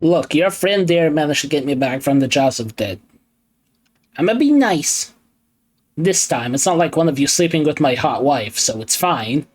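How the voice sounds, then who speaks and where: A man's voice: a little high, animated, normal speed, breathy edge. A man voicing a grumpy, foul-mouthed man who has just been woken, snapping and swearing. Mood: grudging. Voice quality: cursing, snappish.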